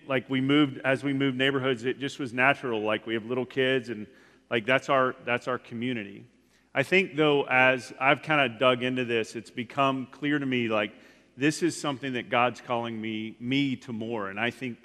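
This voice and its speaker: In a church sanctuary with long hall reverb, a man in his forties, a guest speaker, gives a casual, rambling sermon full of "like" fillers and restarts. His mid-range voice comes across pushed and bright.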